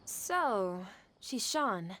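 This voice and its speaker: An actress playing a kind, anxious young woman scholar in a video game, speaking gently and with concern. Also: mid-range voice, very animated, drawn-out words, exaggerated voice.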